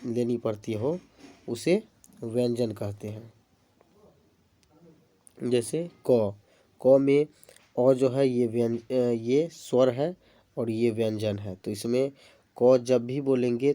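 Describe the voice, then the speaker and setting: Mellow-voiced Hindi teacher explaining grammar. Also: male voice, medium pitch. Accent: Bihari-tinged Hindi. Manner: explains definitions step by step, giving examples. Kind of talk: exam-prep grammar lesson.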